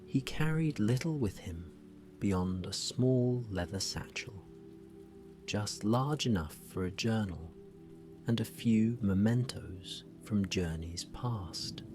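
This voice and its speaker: A man narrating a bedtime sleep story in a hushed, gentle, unhurried manner. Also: lowish voice, animated, soft background music.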